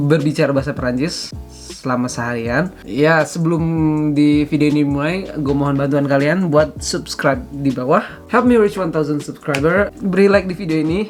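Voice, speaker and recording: Chatty young man with Indonesian accent. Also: fairly high pitch. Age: 20s. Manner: chatty, self-conscious, many hesitations. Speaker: vlogger. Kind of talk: casual vlog.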